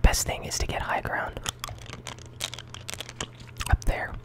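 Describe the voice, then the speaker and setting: A gaming channel host giving whispered ASMR commentary on a game. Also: takes it slowly.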